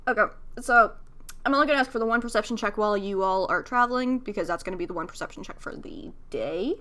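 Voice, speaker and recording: A woman narrating as game master in a casual tabletop game, halting with many fillers and the odd swear. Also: mid-range voice, pushed and bright.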